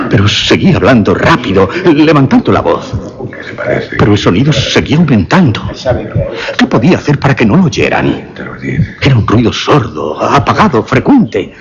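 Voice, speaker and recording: An actor playing a guilt-maddened murderer in a radio drama, slipping into breathless frantic shouting. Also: male voice, mid-range voice, dull audio, exaggerated voice.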